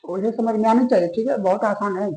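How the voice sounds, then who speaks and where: A man's voice: high-pitched, fast talker, a little mellow, poor audio. Patient man teaching maths, always checking in. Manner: patient, checks in constantly with "okay?"; mixes English maths terms into the talk. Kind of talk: classroom lecture.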